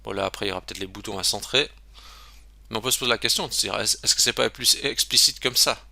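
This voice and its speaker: A man's voice: on the low side, fast talker, creaky, bright, forceful tone. A man giving a casual screen-recorded web tutorial, chatty and self-interrupting, with lots of fillers.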